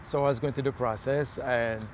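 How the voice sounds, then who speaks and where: A man's voice: medium pitch, steady tone, normal speed, a little hiss or hum. A man from Haiti, a mayoral candidate, talking earnestly in a casual outdoor interview with many fillers and restarts. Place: outdoors in a city near traffic.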